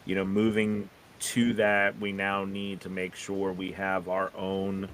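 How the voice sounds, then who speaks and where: A man with a somewhat low voice hosts a live stream. He chats casually and loosely, circling through his points and often checking that the listener follows. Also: monotone, slow pace, fairly bright tone, a little hiss or hum. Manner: rambling, repeatedly checking in with "you know" and "right". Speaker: live show host.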